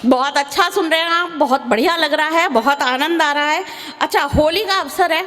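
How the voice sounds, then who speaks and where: A woman's voice: high-pitched, moderate pace, a bit bright. A young woman poet telling chatty comic stories to a live audience at a poetry recital. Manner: chatty storytelling, breaks into sung verse. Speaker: stage poet. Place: large hall with live audience. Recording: faint noise, long hall reverb.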